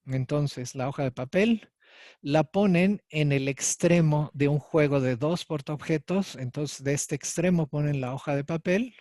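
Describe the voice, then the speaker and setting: A man's voice: fairly high pitch, a little mellow, no room sound, clean studio sound. A man, a university lecturer explaining a physics lesson to students and checking in with them often. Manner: explanatory, addresses students directly with frequent "¿sí?" and "ok". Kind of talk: recorded lecture.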